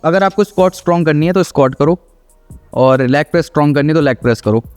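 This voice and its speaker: Man, high-pitched voice, casual fitness commentary, explanatory and teasing, faint music underneath. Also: fast, a little mellow. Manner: explanatory, teasing, often adds "theek hai" as a tag. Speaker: fitness video reactor and host. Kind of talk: casual commentary reacting to gym clips.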